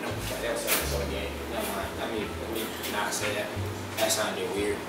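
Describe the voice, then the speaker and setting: A man in his twenties chatting casually in street slang to camera, hosting a food challenge vlog in an animated, exclaiming way. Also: lowish voice, brisk, distant mic. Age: 20s. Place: home kitchen, indoors. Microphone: camera a few feet away. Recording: very echoey room, off mic, music behind. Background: music.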